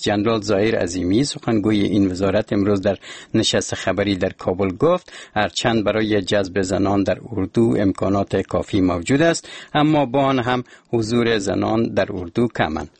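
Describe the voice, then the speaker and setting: A man reading the radio news in a steady, formal way. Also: fairly low pitch, gravelly, slightly rough, dry recording. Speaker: newsreader. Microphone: studio mic.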